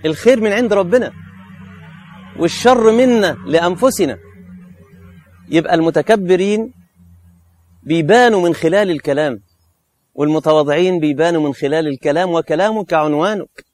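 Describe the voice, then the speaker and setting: A man's voice: fairly high pitch, brisk, pauses often, darkish tone. A man with an Egyptian accent preaching a colloquial sermon, emphatic and scolding, firing rhetorical questions. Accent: Egyptian Arabic.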